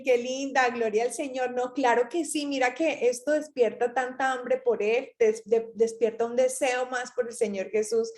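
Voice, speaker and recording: A woman hosting an online group, teaching how to study the Bible with encouragement. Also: on the high side. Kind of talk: devotional teaching.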